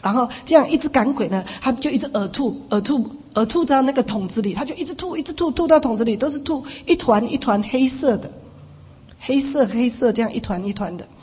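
A woman preacher telling a testimony in an animated way, dropping little "ha" fillers. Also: fairly high pitch, brisk, slightly rough. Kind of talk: sermon testimony storytelling. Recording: long reverb in a big hall.

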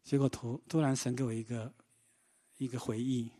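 A man pastor preaching a sermon in animated storytelling, often asking the congregation questions. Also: mid-range voice, brisk. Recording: long reverb of a large hall.

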